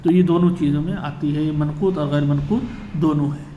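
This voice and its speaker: A man's voice: fairly high pitch, steady tone, dark tone, lo-fi sound. A male teacher giving an exam-prep lecture, explaining step by step and answering his own questions. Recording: echoey room with faint ambient noise.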